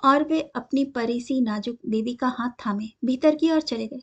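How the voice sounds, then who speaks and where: A woman's voice: on the high side, unhurried, lo-fi sound. A woman reading a short story aloud as narration, voicing the quoted lines in her own voice. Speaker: story reader.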